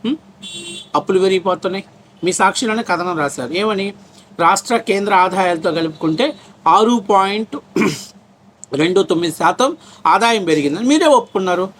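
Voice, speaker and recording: A man's voice: sits high, expressive, a little fast, long pauses, a bit bright. A man from Pradesh, ranting in political commentary with a scornful, mocking, name-calling manner. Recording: faint background noise.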